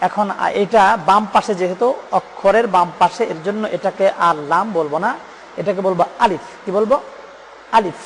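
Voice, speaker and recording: A man with a Bangladeshi Bengali accent teaching Quran pronunciation, patiently repeating letter names slowly for learners. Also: sits high, big-room sound, slight background noise. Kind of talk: step-by-step pronunciation lesson.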